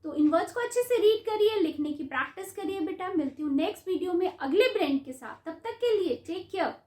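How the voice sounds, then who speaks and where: A woman teaching phonics to children in a lesson, slowly sounding out syllables and calling the kids "beta". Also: very high-pitched, expressive, a little mellow, reverberant.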